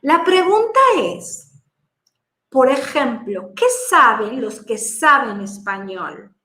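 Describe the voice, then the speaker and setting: A woman giving a deliberate virtual conference lecture, explaining with rhetorical questions. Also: on the high side, big pitch swings, sharp tone, echoey room. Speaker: lecturer on language teaching for deaf children. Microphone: video call.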